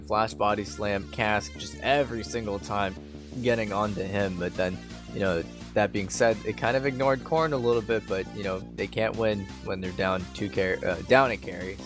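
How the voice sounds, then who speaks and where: A man giving color commentary on an esports match, breaking down plays and tripping over his words when things get exciting. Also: on the low side. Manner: analytical, stumbles and restarts when excited. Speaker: esports caster. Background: game music.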